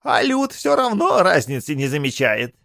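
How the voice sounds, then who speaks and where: A man voicing a fat, cackling male bathhouse spirit with a high, teasing, wheedling voice. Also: wildly swooping pitch, moderate pace, gravelly, fairly bright tone, no echo, clean studio sound, heavily acted. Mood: sly.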